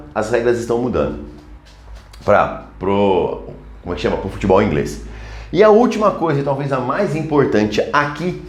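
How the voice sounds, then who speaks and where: Brazilian man, geography teacher at the chalkboard, casual and chatty, mid pitch, echoey classroom. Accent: Brazilian Portuguese. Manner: casual, addresses students as "cara". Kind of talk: chalkboard lecture.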